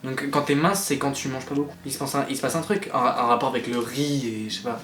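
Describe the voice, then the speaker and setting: A man's voice: medium pitch, little pitch movement, fast. A young man reading riddle cards aloud to his friends, laughing as they go. His voice carries through an echoey room with music playing in the background. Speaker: co-host. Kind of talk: casual chat solving riddles.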